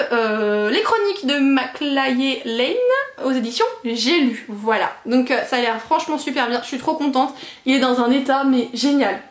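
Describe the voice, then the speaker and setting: A woman book vlogger chatting casually and gushing over her new books as she unboxes them, giggly and self-mocking. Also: high voice. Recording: echoey room.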